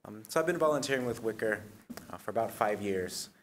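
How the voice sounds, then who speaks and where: A man in his thirties giving a prepared presentation to a commission at a public meeting, in a steady, measured way with frequent ums. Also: on the low side, slight background noise. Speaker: invited presenter.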